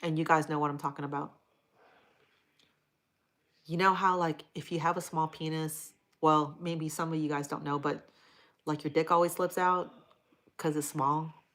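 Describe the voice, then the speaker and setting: A woman's voice: sits low, steady tone, normal speed, long pauses, fairly bright tone. A woman from Hawaii hosting a live stream, reading viewer comments aloud and answering them in a blunt, crude, casual way. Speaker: livestream host answering chat.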